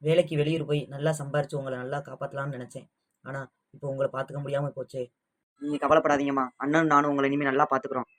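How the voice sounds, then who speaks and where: A man's voice: medium pitch, flat delivery, rapid-fire, a bit bright, lightly acted. A man voicing a younger son who works far from home, speaking in a reassuring, regretful way.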